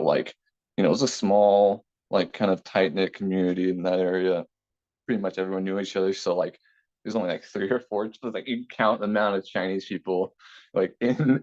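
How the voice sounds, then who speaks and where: A man in his thirties, originally from Taiwan, talking casually and at length as an interview guest, with many fillers. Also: low-pitched. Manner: relaxed, rambling, many fillers. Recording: slightly dull lo-fi sound.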